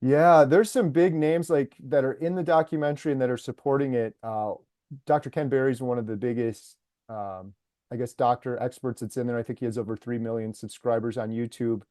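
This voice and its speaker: A documentary maker and YouTuber talks eagerly and casually in an interview, telling stories packed with "like" and "uh." His mid-range voice is warm and steady, a little fast. The clean studio sound has no room ambience.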